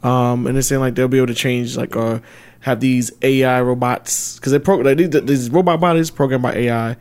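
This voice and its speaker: A man co-hosting a podcast in casual chat, laughing often and retelling stories with lively put-on voices. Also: mid-range voice. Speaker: podcast co-host.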